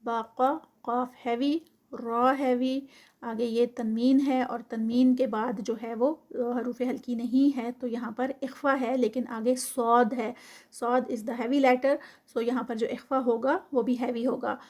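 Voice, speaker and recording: A woman teaching tajweed, who slowly draws out the recited words and then explains each rule at a quicker pace. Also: a little high, flat delivery, darkish tone. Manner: slow drawn-out recitation alternating with quick explanation.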